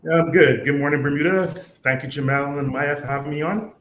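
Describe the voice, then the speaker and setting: A man in his fifties from Barbados, a pension expert, calmly explaining money matters on a talk show with many fillers. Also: a little high, brisk. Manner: calm, explanatory, with frequent fillers. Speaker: pension and investments guest expert. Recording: echoey room with faint noise.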